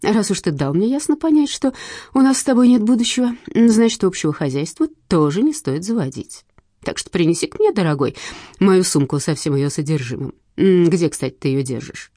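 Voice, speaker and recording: A woman's voice: fairly low pitch, sing-song, brisk, warm tone, dry recording, clean studio sound. A woman voicing a scheming widow who talks in a sweet, mocking purr. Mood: sweetly menacing. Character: scheming purring widow, middle-aged woman.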